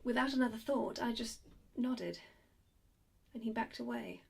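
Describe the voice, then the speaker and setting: A young woman, narrating her own strange story in a nervous, self-deprecating monologue with many halting fillers. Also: a little high, vocal fry, slightly rough. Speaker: narrator and lead character. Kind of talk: first-person dramatic monologue.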